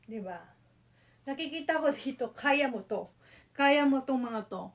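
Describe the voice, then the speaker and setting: A woman's voice: high voice, lively intonation, measured pace. A woman with a Filipino accent doing a casual tarot reading, chatty, mixing Tagalog and English with frequent "no?" tag questions. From Philippines. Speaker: tarot reader.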